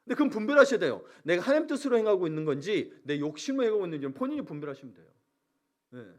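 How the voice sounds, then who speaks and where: A male pastor preaching a sermon in an animated way, acting out prayers and mocking voices as he goes. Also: high-pitched, rapid-fire.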